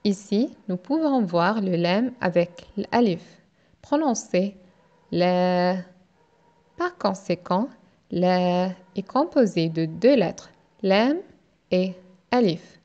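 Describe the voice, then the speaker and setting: A woman teaching Quran reading in a slow step-by-step lesson, drawing out syllables patiently. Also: mid-range voice, dark tone, highs cut off. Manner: drawn-out syllable drills, patient.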